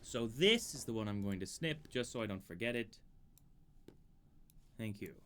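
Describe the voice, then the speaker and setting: A man's voice: lowish voice, lively intonation, moderate pace, fairly bright tone, a little hiss or hum. A man casually commenting on his gameplay, musing and dryly amused, talking to himself at a desk microphone he sometimes leans away from. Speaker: streamer playing a game. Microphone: desk microphone, leans away at times.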